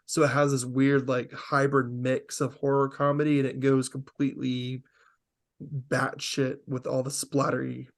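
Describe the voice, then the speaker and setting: A man's voice: mid-range voice, monotone, normal speed, vocal fry. A man hosting a podcast in casual chat, talking in an enthusiastic, rambling way. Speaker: podcast host.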